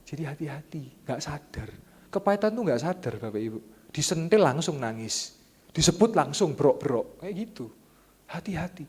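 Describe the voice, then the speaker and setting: A young man with an East Javanese accent preaching a sermon as pastor, animated and joking, jumping to loud high exclamations. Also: normal speed, breathy edge. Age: young adult. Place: church hall. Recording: long church-hall reverb.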